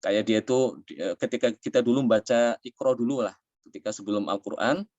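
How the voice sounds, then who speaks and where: Male recitation teacher, measured and explanatory, with drawn-out demonstrations; dry, muffled recording. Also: mid-range voice, a little mellow, no room sound. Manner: explains patiently, often adding "ya"; slows down to demonstrate recited words. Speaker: tajwid teacher. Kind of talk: Quran recitation lesson.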